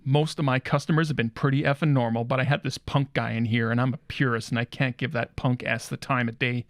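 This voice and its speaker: A man's voice: mid-range voice, fairly bright tone, dry recording, studio quality, natural voice. A man playing a crude, cocky guitar store owner who brags about rock and says 'effing' in place of swears. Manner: swaggering, swaps swears for 'effing' and 'F'. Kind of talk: comedy character monologue.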